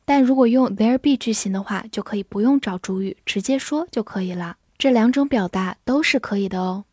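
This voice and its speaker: A young woman teaching English vocabulary in Chinese, explaining patiently and slowing down to spell and drill each word. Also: medium pitch, darkish tone, no echo, studio quality.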